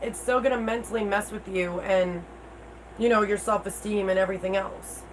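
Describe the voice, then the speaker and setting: A woman's voice: mid-range voice, steady tone, moderate pace, low-quality recording. Toothless-sounding woman chatting over background noise. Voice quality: toothless-sounding speech, missing teeth. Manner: candid, informal, mild swearing. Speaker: livestream host. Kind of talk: casual livestream chat replying to viewers.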